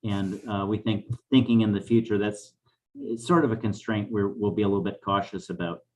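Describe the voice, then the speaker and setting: Male project presenter with a fairly low voice, explanatory and a bit halting, informal meeting delivery. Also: fairly even intonation.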